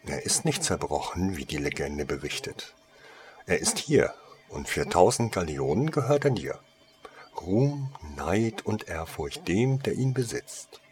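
A man voicing a female wand shop saleswoman who talks with eager, servile flattery in a storybook reading. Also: sits low, unhurried.

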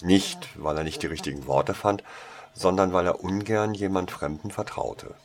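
A man reading a story aloud as a calm, even narrator. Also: low voice, normal speed.

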